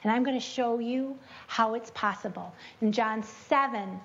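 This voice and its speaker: A woman giving a chatty, animated devotional teaching, breaking into spoken prayers to God. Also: measured pace, a little hiss or hum. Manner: chatty and animated, prays aloud with rising pitch. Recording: dull lo-fi recording.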